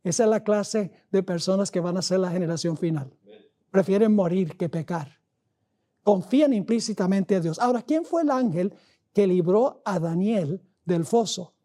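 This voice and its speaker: A man preaching a sermon as a pastor, earnest, slowing down to stress key words as he reads scripture aloud. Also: high-pitched, warm tone. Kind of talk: sermon, Bible study.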